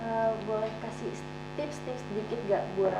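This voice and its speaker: A woman's voice: fairly high pitch, fairly even intonation, measured pace, mellow. A young woman hosting a casual interview, friendly, asking short questions, with a distant roomy sound. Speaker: host. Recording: roomy distant mic, dull, noticeable hum.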